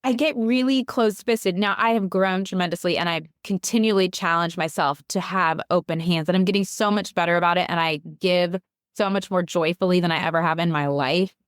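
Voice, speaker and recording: A woman hosting a casual faith podcast, enthusiastic and chatty and quick to laugh. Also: fairly low pitch, smooth, no room sound, clean studio sound. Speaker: podcast host.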